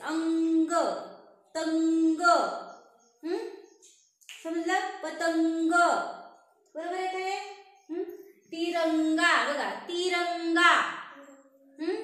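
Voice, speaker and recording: A woman teaching a class, drawing words out slowly, repeating them and quizzing her students. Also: very high-pitched. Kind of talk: classroom lesson on reading and writing. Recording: very echoey room.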